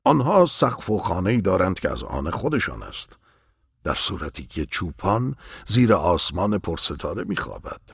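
A patient old mystic, voiced by a male narrator, talks slowly and instructively in a deep, breathy voice. The delivery swings freely in pitch, and the sound is close and dry. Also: very animated, dry recording, full character voice. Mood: explaining. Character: wise old king, calm and mysterious.

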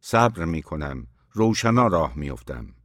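A man's voice: a bass voice, very animated, fairly bright tone, no echo, clean studio sound, heavily acted. A man voicing a terse old stable keeper. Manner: curt, terse replies. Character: gruff, taciturn old man smoking. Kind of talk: audiobook reading.

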